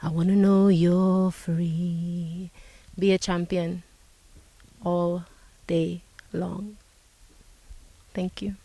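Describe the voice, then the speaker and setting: A woman giving a slow, declaiming, rousing inspirational speech. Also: fairly low pitch, level tone, warm tone, dry recording.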